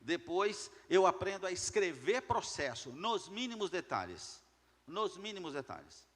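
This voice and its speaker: A man's voice: sits high, big pitch swings, measured pace, a bit bright. A man with a slightly raised voice gives a punchy motivational talk to entrepreneurs. He hammers his points home through repetition and keeps asking the crowd questions. His voice rings with the long reverb of a large hall. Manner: emphatic, repeats key words, asks the audience questions. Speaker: business speaker addressing entrepreneurs. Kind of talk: motivational talk to a live audience.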